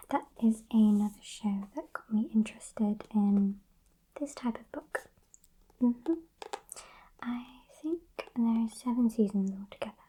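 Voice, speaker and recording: A British woman playing a gentle, bookish librarian in a whispered role-play, murmuring softly and unhurriedly in a breathy whisper. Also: a little high, a little hiss or hum, low-quality recording. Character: sweet, gentle, bookish woman librarian working late nights. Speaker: ASMR performer.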